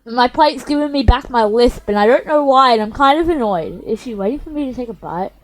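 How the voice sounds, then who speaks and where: A woman's voice: fairly high pitch, expressive, a little fast, a little hiss or hum, low-quality recording. A young woman reading a visual novel aloud for her stream, chatty and self-mocking, with a slightly sore voice. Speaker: gaming streamer.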